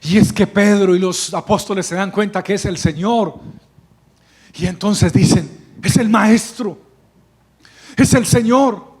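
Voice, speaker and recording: A male pastor delivering a sermon, asking the congregation to repeat after him and building to loud, fervent exhortation. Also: high voice, a little slow, long pauses, husky. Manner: preaching with call-and-response to the congregation.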